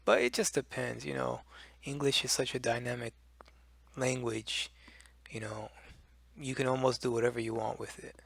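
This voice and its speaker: A man teaching English pronunciation, explaining slowly and deliberately with many fillers. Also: medium pitch, little pitch movement, vocal fry, a bit bright, husky, dry recording. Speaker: language teacher.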